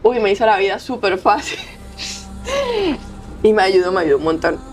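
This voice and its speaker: A woman's voice: medium pitch, fast talker, soft background music. A young woman with a Colombian accent, a tearful athlete telling stories in an interview and acting out the people she quotes. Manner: expressive, acts out quoted voices. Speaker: athlete guest. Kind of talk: emotional interview storytelling.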